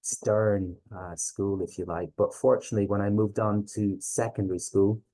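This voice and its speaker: A man's voice: lowish voice, fairly even intonation, moderate pace, dark tone, low-quality recording. A man with a west of Ireland accent giving an informal presentation as a teacher, hesitant and often checking in with listeners. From Galway, west of Ireland. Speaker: teacher presenting a reading series.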